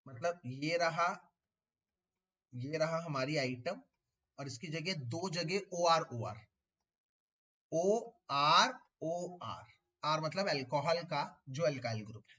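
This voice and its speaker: Bright-voiced male chemistry teacher. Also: on the high side, animated, slow, long pauses, lo-fi sound. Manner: explains step by step, mixes English terms, repeats key words; addresses students as beta, asks them questions. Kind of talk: online class lecture.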